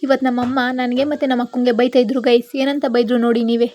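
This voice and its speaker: A woman's voice: fairly high pitch, flat delivery, very fast, dull audio. Chatty young woman vlogging her day. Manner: chatty, keeps addressing viewers as guys. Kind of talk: casual daily vlog narration.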